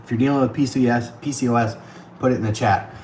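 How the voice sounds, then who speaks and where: A fast-talking man hosts a livestream from an iPad on the road, chatting casually, laughing often, and thanking viewers by name as his voice starts to wear. His mid-range voice is steady and darkish. The tablet mic gives a roomy sound with slight background noise.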